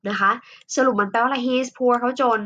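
A woman teaching an English listening lesson, explaining in her own language and reading English examples slowly and carefully. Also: fairly high pitch, fairly even intonation, fairly bright tone. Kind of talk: recorded online lesson. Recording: dull lo-fi recording with faint noise.

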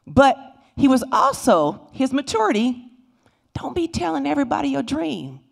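A middle-aged woman teaches a Sunday school lesson in a church sanctuary, speaking into a handheld microphone. Her voice sits high and climbs and falls widely. She tells the stories in an animated way, slipping into voices for the people in them. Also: normal speed, gravelly. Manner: animated storytelling, voices the Bible figures.

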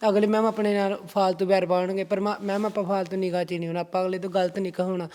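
Fast-talking young man, earnest and deferential. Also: high voice, level tone, darkish tone. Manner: earnest, calls the interviewer ma'am in almost every phrase. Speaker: interview guest, poetry writer. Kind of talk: casual interview talk.

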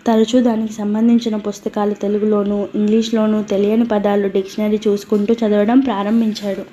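Flat, mellow woman reading a novel. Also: medium pitch, a little fast. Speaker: audiobook narrator. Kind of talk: scripted narration. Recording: dull lo-fi recording, faint hiss.

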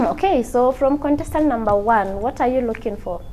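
A soft-spoken Kenyan woman in her twenties, politely questioning men on a dating show in a TV studio. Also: on the high side, moderate pace, soft background music. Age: 20s.

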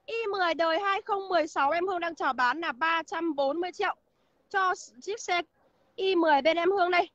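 A woman pitches used cars in a very high, bright, ringing voice, rattling off features and prices. She greets her viewers by name as she goes. The sound is dry and a bit dull, like a phone stream from an outdoor car lot. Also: fast talker, no room sound. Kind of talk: livestream sales pitch.

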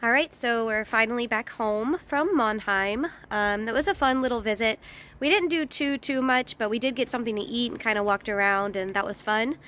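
A woman vlogging casually while walking outdoors through an old town, chatty and slightly hoarse, with lots of fillers. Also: a little high, moderate pace, fairly bright tone. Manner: chatty, laughs often, hesitant fillers. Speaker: travel vlogger.

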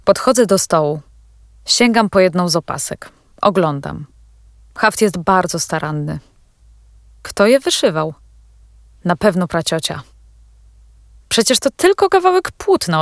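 A woman reads a story aloud with lively, swinging intonation and a fairly low voice. She narrates in the first person with strong feeling and sharp, rising questions. The sound is dry and close. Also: a little slow, pauses often, no room sound. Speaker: audiobook reader.

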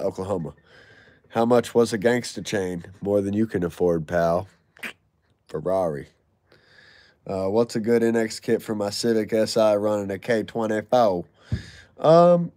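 A man's voice: medium pitch, a little mellow, dry recording, studio quality. A man hosting a casual live stream from a garage, answering viewer messages with loose, profane, joking banter. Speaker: live stream host reading chat.

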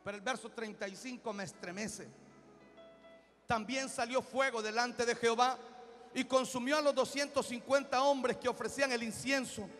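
High-voiced preacher in a reverberant hall. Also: male voice. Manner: preaching with rising shouted exhortations. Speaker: pastor. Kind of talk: sermon. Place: church. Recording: hall reverb with faint music.

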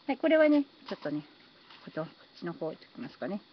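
Fast and very animated, a woman with a lowish voice live-streams from her phone as she builds, casually chatting and thanking viewers for commenting. Faint noise runs through the slightly dull stream audio.

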